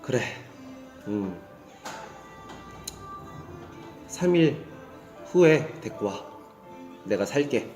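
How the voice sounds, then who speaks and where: A man's voice: medium pitch, sing-song, takes it slowly, darkish tone. A man voicing an irritable, arrogant ancient king who scolds and snaps in a story told as a sermon. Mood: decisive. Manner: snapping, scolding. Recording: roomy echo with faint music.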